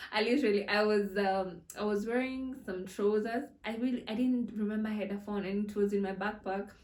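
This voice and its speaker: A woman's voice: mid-range voice, steady tone, normal speed, a little mellow. Chatty, giggly woman vlogging. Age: 20s. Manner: chatty, giggly, with many fillers and restarts. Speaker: content creator. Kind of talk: casual storytime vlog. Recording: roomy echo, a bit far from the mic.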